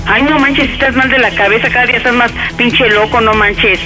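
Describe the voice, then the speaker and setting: An angry Mexican mother on a phone line aired on radio, high-pitched and scolding, with music running under the call. She curses and pleads in the same breath. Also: steady tone, a little fast. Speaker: mother, prank call target.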